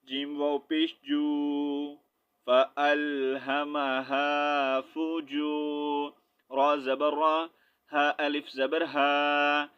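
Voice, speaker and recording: A man teaching Quran recitation. He spells out letters slowly, chants the verses drawn-out, and explains quickly and patiently between them. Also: on the high side, completely flat delivery, clear, resonant tone. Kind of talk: tajweed lesson, spelling and reciting. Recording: dull lo-fi recording.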